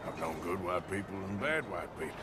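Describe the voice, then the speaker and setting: An actor playing a gruff, laconic wandering outlaw in a video game. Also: male voice, low-pitched, animated, fairly quick, heavy background noise. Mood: dry.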